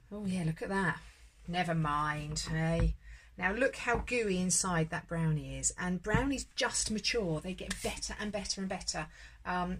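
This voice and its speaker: A woman with a fairly low voice presents a casual home baking tutorial, chatting and encouraging as she demonstrates each step of a recipe. Background noise is audible.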